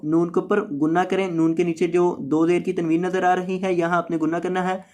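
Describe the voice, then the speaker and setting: A Quran tajweed teacher giving a word-by-word recitation lesson, spelling out letters and vowel marks and repeating each word, with slow drawn-out chanted recitation between quicker spoken explanations. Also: mid-range voice, level tone, a little mellow.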